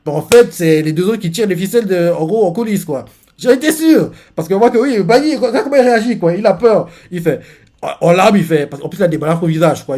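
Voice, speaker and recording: A man with a fairly high voice reads a manga chapter and reacts casually. He talks loosely, full of filler words, and drifts between reading and his own comments. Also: a little mellow. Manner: lots of fillers, laughs as he reacts.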